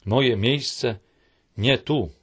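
A man voicing a small, gentle troll child musing quietly to himself in a storybook reading. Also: mid-range voice, very slow, slightly rough. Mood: wistful. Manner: quiet, soft inward musing.

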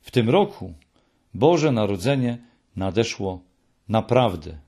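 A man voicing a brisk middle-aged male engineer in a read-aloud story, speaking energetically in a raised voice. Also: lowish voice, big pitch swings, a little mellow, breathy edge, full character voice. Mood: gentle.

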